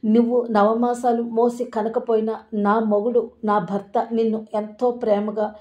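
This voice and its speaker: A woman's voice: a little high, level tone, a little slow, darkish tone, dull audio, natural voice. A woman voicing an angry young wife who confronts her mother-in-law with accusing questions. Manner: accusing, reproachful.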